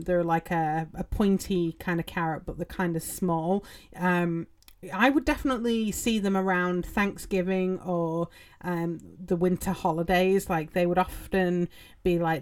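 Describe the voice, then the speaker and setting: A woman hosting a gardening podcast, talking casually in a chatty, rambling way with lots of ums and you-knows. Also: lowish voice. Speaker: podcast host. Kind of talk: casual solo podcast talk.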